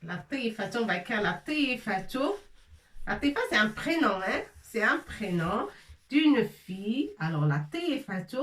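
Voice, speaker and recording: An Arabic teacher gives a classroom grammar lesson in a bright, slightly high, sing-song voice. She speaks slowly and repetitively, drilling words aloud, and the echoey room makes her sound distant.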